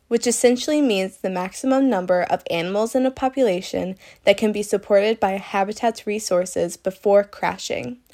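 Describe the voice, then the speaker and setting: A woman's voice: medium pitch, a little mellow. Woman narrating a nature documentary.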